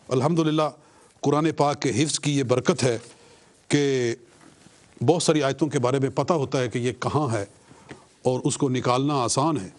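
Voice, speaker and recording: Earnest higher-pitched male religious debater. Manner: chants Arabic verses, then explains each in earnest measured speech; addresses an opponent directly, argumentative. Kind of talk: religious debate, reciting and explaining verses.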